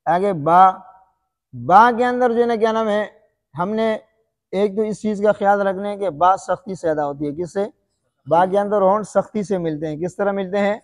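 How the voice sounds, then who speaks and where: A man's voice: high voice, big-room sound. A man teaching the correct pronunciation of letters in a Quran recitation lesson, asking his listeners questions and drilling each sound aloud.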